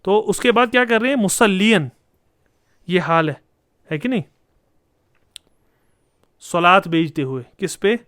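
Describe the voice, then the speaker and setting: A man's voice: sits high, long pauses, fairly bright tone, dry recording, studio quality. A man giving a classroom lecture on Arabic grammar, explaining step by step and posing rhetorical questions to his students. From Kashmir.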